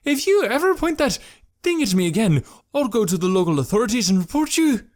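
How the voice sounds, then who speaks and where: A man voicing a panicky, indignant young city man in an audiobook, with a high, shrill voice that often shouts. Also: very animated, brisk. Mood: shrill outrage. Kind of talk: audiobook character voice.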